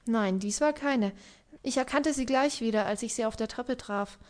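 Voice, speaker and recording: An ironic, melancholy young baron, read by a woman in an audiobook. The voice stays dry and subdued and carries a quiet mocking edge, pitched fairly high. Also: moderate pace, close to an everyday voice. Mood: earnest.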